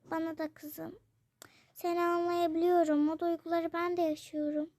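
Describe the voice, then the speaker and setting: A child voicing a gentle, worried mother who comforts her daughter in a toy role-play. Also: very high voice, monotone, moderate pace, dry recording. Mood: soothing. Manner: soft and soothing, often hushed.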